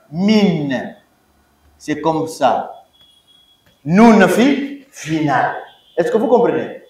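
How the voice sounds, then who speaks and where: A man's voice: fairly high pitch, a little mellow. A man lecturing at university, emphatic, repeating words and quizzing his students. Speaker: Hebrew teacher. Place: large echoey classroom. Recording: echoey room, distant mic.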